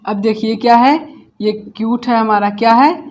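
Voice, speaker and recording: A man teaching English grammar in a class, asking each question and then repeating the answer himself. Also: very high voice. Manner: explains slowly, step by step. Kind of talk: classroom lesson.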